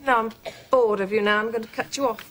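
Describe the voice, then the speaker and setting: Brief: actress as a snooty, quick-talking woman who cuts off callers. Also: a little high, steady tone, very noisy, lightly acted. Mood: dismissive. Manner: curt, snooty. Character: bored, dismissive wealthy woman on the phone. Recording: sitcom scene with loud laugh track.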